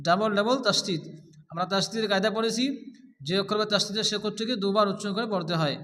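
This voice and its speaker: A man teaching prayer recitation, explaining pronunciation rules and then chanting each phrase slowly and drawn out. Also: sits high, bright, forceful tone, long reverb tail. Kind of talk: recitation lesson.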